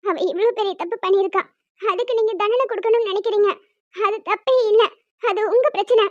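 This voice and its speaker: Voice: very high voice, steady tone, a little fast, dry recording. A performer voicing a hurt, angry young pregnant wife in a homemade cartoon, talking bitterly and reproachfully. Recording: dry, dull lo-fi sound.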